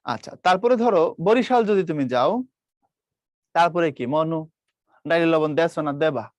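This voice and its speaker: Guy from bangladesh teaching a live class online, bit high voice, dry close sound. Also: dry recording. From Brahmanbaria, Bangladesh. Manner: lively, quizzes students, mimics regional dialects.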